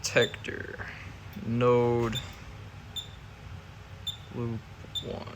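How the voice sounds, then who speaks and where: Man, casual demonstration commentary, unhurried pace, informal step-by-step narration, faint background noise. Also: medium pitch, monotone. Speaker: fire alarm hobbyist demonstrator.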